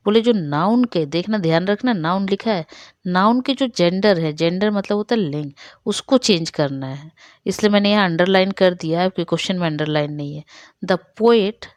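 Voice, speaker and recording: A woman's voice: fairly low pitch, no echo. Woman teacher explaining English in Hindi. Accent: Indian. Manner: reads English slowly, then explains in Hindi; quizzing with questions she answers herself. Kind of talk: Hindi-medium English revision lesson.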